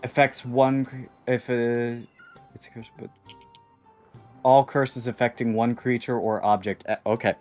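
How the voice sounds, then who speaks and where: Casting: a mid-pitched male game master, halting, casual, faint music behind. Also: level tone, dull audio. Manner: halting, restarts mid-sentence. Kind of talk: casual tabletop game narration.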